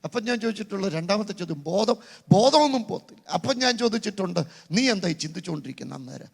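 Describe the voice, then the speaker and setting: A middle-aged man preaching a sermon as pastor, calling on the crowd to repeat lines in shouts. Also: sits high, animated, quick pace, gravelly, breathy edge. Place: large church conference hall. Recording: long reverb of a large hall.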